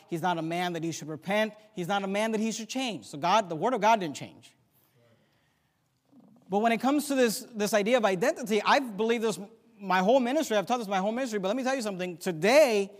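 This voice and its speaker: A male pastor preaching a sermon, emphatic, swinging between loud declarations and quiet asides, and reciting scripture in old-fashioned wording. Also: high voice. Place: church sanctuary. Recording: long church hall reverb.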